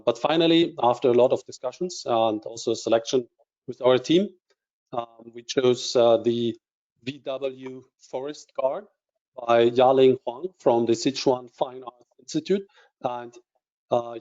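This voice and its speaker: A man's voice: medium pitch, fairly even intonation, a little slow, darkish tone. Hesitant man on a choppy video call. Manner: hesitant, many fillers and restarts. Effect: video call audio, breaking up. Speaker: award presenter. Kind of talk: live announcement. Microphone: computer mic on a video call. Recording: dull, lo-fi conference call line.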